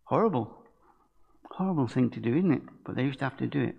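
This older English preacher gives a chatty, informal sermon from a church lectern, quizzing his congregation as he goes. His medium-pitched voice is husky with vocal fry, moving at a quick pace with lively intonation. The audio sounds dull.

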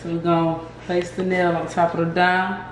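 A woman talking calmly and matter-of-factly through each step of a home demo in a kitchen, recorded on a phone. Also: on the low side, moderate pace. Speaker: co-host doing the demo. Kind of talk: casual step-by-step demo talk. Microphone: handheld phone camera. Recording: echoey kitchen with background noise.

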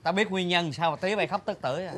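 A fussy, chatty eatery owner. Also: male voice, high voice, quick pace. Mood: scolding. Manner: animated, repetitive exclamations. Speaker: comedy sketch actor.

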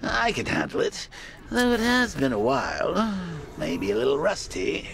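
A man's voice: sits high, huge pitch swings, a little slow, vocal fry, a bit bright, exaggerated voice. An actor playing the Joker, a manic, mocking male clown villain in a video game. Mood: gleeful. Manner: mocking, taunting, theatrical. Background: game music.

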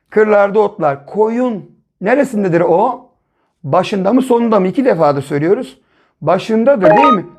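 A man's voice: sits high, darkish tone. Man teaching young children patiently. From Turkey. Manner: patient, asks and answers his own questions. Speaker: primary school teacher. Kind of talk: children's literacy lesson.

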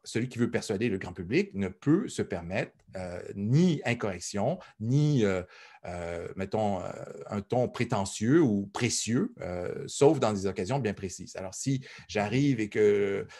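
A man's voice: on the low side, animated, measured pace, darkish tone, breathy edge. A man giving a university lecture, talking in a conversational way, with many fillers and repeated words. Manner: conversational, thinks aloud. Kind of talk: recorded lecture.

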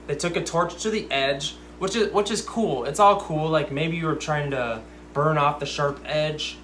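A man's voice: fairly high pitch, normal speed, a bit bright, a little hiss or hum. Rambling young man in a fish room. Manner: rambling, self-aware, ranty asides. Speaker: aquarium channel host. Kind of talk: casual livestream chat. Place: fish room with lit aquariums, indoors. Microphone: desk camera at close range.

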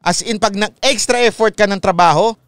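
A man's voice: high voice, normal speed. A man hosting a casual live-stream commentary, repeating his points and checking in with listeners. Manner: animated, repeats points, asks listeners "okay?". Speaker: online commentary host.

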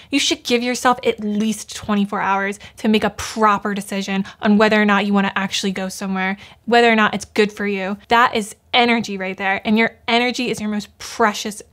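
A woman's voice: medium pitch, a bit bright. A young woman giving a blunt, fired-up motivational talk to camera, swearing freely. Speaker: YouTuber giving motivational advice.

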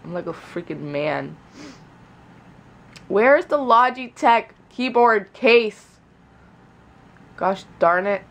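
This young adult woman's casual vlog from her small bedroom by a window has her muttering and swearing while she works. Captured on a close-held camera, her medium-pitched voice is expressive and slow, with long pauses.

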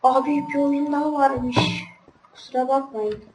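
A woman's voice: high voice, fairly even intonation, measured pace. A woman giving casual let's-play commentary, grumbling and easily frustrated while talking straight to her viewers. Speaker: gaming channel host. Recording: roomy, distant mic with background noise.

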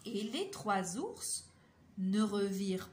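Woman reading a storybook, slow and lilting. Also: mid-range voice, sing-song, a little mellow, slight background noise. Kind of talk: reading a children's picture book aloud.

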